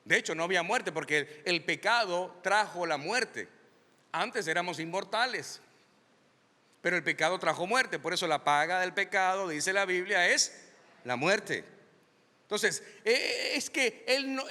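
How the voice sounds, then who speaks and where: Delivering an emphatic sermon, this pastor's high, lively voice ranges widely in pitch, bright and forceful, as he draws out key lines, slowing and rising on them. A long hall reverb surrounds his voice.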